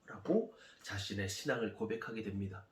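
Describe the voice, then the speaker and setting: A man, a pastor, telling a Bible story in a sermon with animated voices and sound effects. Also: medium pitch, moderate pace, reverberant.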